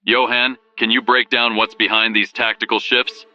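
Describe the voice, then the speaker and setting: A man's voice: medium pitch, little pitch movement, normal speed, pushed and bright, highs cut off. A man playing a military news anchor, delivering a scripted wartime broadcast in a grave, rallying manner. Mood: serious, inquiring. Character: rousing male military war-bulletin anchor in sci-fi world. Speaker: bulletin host. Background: prominent background music.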